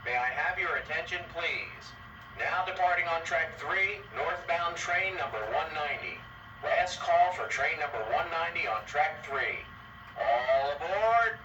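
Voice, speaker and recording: A man giving formal, steady train announcements over a station loudspeaker. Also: fairly high pitch, a little slow, dull audio, background noise. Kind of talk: public address announcement. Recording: echoey distant loudspeaker with music.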